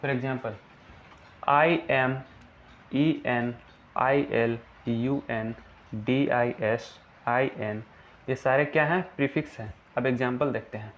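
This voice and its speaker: A man with an Indian English accent teaching a beginner English lesson in Hindi, spelling words letter by letter and slowing down to dictate definitions. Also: mid-range voice, steady tone. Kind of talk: classroom lesson explaining grammar. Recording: dull lo-fi recording with faint room noise.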